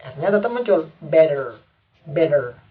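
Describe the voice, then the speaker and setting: A woman with an Indonesian accent giving a casual video lesson on English pronunciation, chatty, repeating example words slowly and stretching them out. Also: low voice, very animated, narrow, tinny audio. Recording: distant mic with faint music behind.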